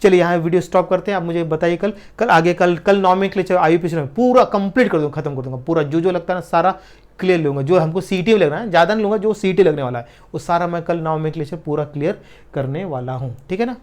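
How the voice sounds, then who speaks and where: Coaxing male chemistry teacher drilling students. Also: on the high side. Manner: coaxing, repeats "ठीक है ना" to check understanding; slows down and drops his voice while writing terms on the board. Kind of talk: online exam-prep lesson.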